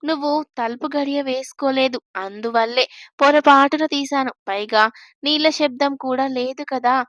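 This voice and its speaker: A woman voicing a gentle, bearded grown man who teases kindly and laughs easily. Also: sits high, normal speed, no room sound, dull audio. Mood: gentle amused.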